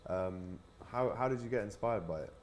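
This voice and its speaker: Low-voiced man hosting a live stream. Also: normal speed, a little mellow. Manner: reads viewer comments aloud, casual. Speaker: live stream host reading chat. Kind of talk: casual live watch-along.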